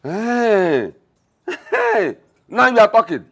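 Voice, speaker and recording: An actor with a Nigerian accent plays a gruff, scornful middle-aged father in a film drama, mocking, scoffing and domineering. His voice is on the high side and slightly rough, very animated and a little fast.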